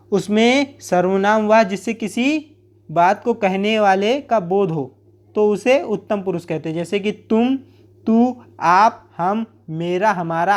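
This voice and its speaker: A man's voice: sits high, darkish tone. A man teaching a grammar lesson, explaining plainly with everyday examples and repeating key points.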